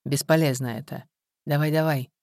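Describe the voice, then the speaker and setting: The narrator voicing a heavy older woman, a stern mother who speaks low, quiet and firm. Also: steady tone, moderate pace, no echo, clean studio sound. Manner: low hushed firm speech.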